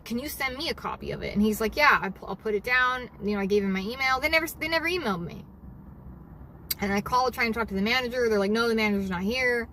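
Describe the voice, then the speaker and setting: A woman with a high voice chats casually to her livestream viewers from the driver's seat, angrily venting and cursing freely. Faint car and road noise hums under her voice. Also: a bit bright. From Southern California. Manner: angry venting, heavy swearing. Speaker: delivery driver vlogger. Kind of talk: casual livestream chat while driving.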